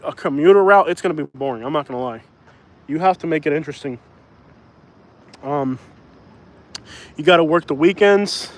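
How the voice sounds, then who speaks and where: A man's voice: fairly high pitch, low-quality recording. A Cuban man who drives for a rideshare app, talking bluntly and rambling in a casual livestream while walking outdoors on a city street. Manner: blunt, opinionated, rambling with restarts.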